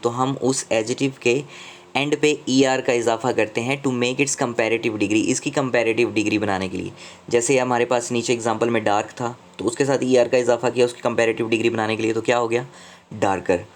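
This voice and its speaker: A man teaching English grammar from slides, explaining slowly and deliberately in Hindi mixed with English phrases. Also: mid-range voice. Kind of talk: slide-based grammar lesson.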